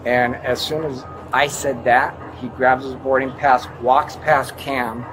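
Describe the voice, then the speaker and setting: A man working at an airport recounts an incident to police in a halting, rambling way, acting out what was said, recorded on a body camera. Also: flat delivery. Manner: halting, rambling, acts out his own quoted words. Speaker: airport airline worker giving a witness account. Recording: noisy body camera audio, vehicle rumble.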